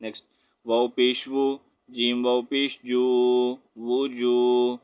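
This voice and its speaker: Urdu-accented guy teaching quran recitation, spells each letter, recites slow, smooth voice, kinda muffled recording. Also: completely flat delivery. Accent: Pakistani Urdu. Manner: spells letters and vowel marks, then recites slowly and drawn out; explains quickly in a low aside, often asking "right?".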